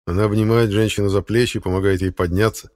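Low-voiced man narrating an audiobook. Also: quick pace. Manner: steady, matter-of-fact storytelling. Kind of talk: first-person audiobook narration.

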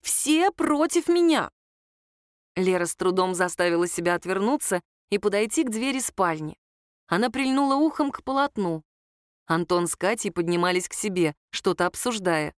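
Expressive woman reading an audiobook. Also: lowish voice, a little fast, clean tone, dry recording, studio quality. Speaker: audiobook narrator. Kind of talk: audiobook narration.

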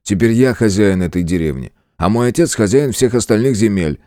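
A man's voice: lowish voice, animated, a little fast, warm tone, dry recording, clean studio sound, lightly acted. A man voicing a curt, domineering young lord who gives orders, in an audiobook. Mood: commanding. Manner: curt, commanding. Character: young lordly male hero, cold and domineering.

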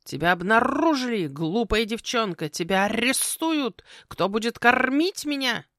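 Woman doing a pompous croaking raven spirit. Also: on the high side, expressive, fairly bright tone, dry recording, studio quality, pitched above the performer's own voice. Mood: alarmed. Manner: slow, self-important, croaking lecturer. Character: pompous, ever-hungry male raven family spirit. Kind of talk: audiobook character voice.

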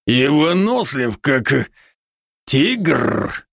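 A man playing a brash gravelly werewolf buddy. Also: medium pitch, very animated, a bit bright, no echo, heavily acted. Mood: brash teasing. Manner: brash, teasing, rapid-fire banter. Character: boisterous, joking adult male werewolf friend. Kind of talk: audiobook character voice.

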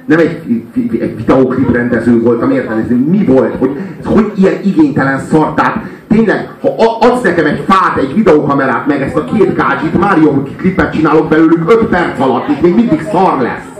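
A man's voice: fairly high pitch, lively intonation, hardly any pauses, a crowd in the background. Sarcastic laughing man in roomy space. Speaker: commentator reviewing music videos. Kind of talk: casual mocking chat.

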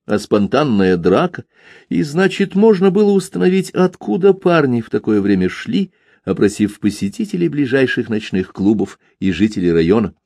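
A man's voice: mid-range voice, sing-song, normal speed, a little mellow, dry recording, clean studio sound. A wry male audiobook narrator. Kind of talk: scripted narration.

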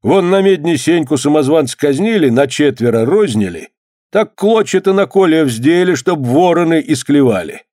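A man's voice: on the high side, sing-song, normal speed, dark tone, dry recording, studio quality, voice pushed up. A man playing a sly old village priest who offers pious comfort in an oily, sermonizing way. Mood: unctuous.

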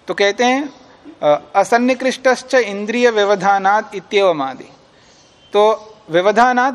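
A man teaching a class on a classical philosophy text. He reads Sanskrit lines slowly, explains them in plain terms, and asks the class questions that he then answers himself. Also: high voice.

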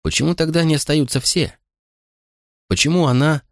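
A man's voice: fairly high pitch, normal speed, dry recording, studio quality, pitched above the performer's own voice, close to an everyday voice. A man voicing an anxious young boy who presses with emotional, pleading questions in an audiobook.

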